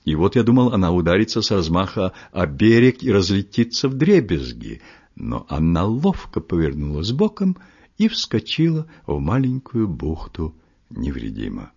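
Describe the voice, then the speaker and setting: A man reading a literary story aloud in a measured, expressive storytelling manner, his voice husky. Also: deep voice. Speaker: audiobook reader. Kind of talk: literary audiobook narration. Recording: muffled lo-fi recording.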